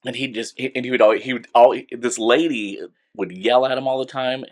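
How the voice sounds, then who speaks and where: A man co-hosting a podcast, telling childhood stories in a casual, animated way with lots of laughing and acted-out quotes. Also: mid-range voice, a little fast. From California. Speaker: podcast co-host. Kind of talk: casual storytelling chat.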